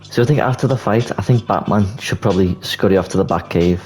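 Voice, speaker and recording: Deep-voiced young man rambling. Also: fast. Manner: rambling, leans on "like" fillers. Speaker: video creator. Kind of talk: casual movie commentary. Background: soft background music.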